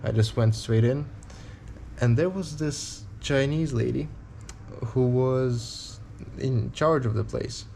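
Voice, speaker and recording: A man's voice: mid-range voice, takes it slowly, creaky, darkish tone, slight background noise. Candid young man rambling in a vlog. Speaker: touring cyclist vlogger. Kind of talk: casual vlog talk to camera.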